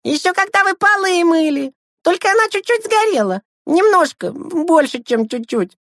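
A voice actor doing shrill little boys. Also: very animated, normal speed, fairly bright tone, no echo, studio quality, heavily acted.

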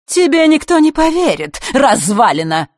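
Woman voicing a shrill mocking villainess. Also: very animated, moderate pace, dry recording, studio quality. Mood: furious. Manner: taunting, shouting, sing-song.

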